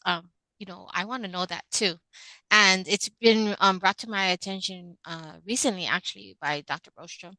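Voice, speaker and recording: Female nurse from Hawaii, webinar panelist, chatty, bright tone. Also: mid-range voice, no echo, poor audio. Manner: chatty, laughing asides.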